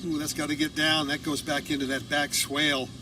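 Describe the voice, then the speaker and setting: A man reports as an on-course golf commentator during live play. His pitch is a bit high for a man, and he sounds away from the mic amid clear outdoor noise. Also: level tone, a little fast. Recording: distant, noisy outdoor ambience.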